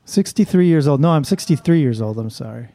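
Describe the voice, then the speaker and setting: Co-hosting a radio show, a man in his seventies trades casual, hesitant, rambling banter and laughs often. His voice is on the high side, animated and fairly quick, with no echo and loud guitar music in the background.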